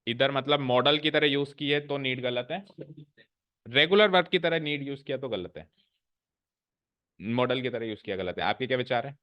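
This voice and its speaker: A man in his forties teaching in a classroom, his voice at an ordinary middle pitch. He lectures and scolds his students and keeps firing rhetorical questions at them. He slips English phrases into his talk. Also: animated, moderate pace, long pauses, sharp tone. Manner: mixes English phrases into Hindi.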